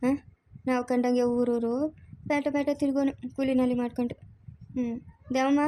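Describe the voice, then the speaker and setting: A woman's voice: sits high, little pitch movement, brisk, dark tone, slight background noise, natural voice. A woman voicing a chatty old village grandmother. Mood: pitying. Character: old village grandmother neighbor, pitying and talkative.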